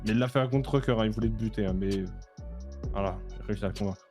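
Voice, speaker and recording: Casting: male player as slangy, reassuring buddy in game role-play, very quick delivery, faint music underneath. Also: fairly low pitch, natural voice. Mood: explaining. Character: reassuring male friend driving casualty to hospital.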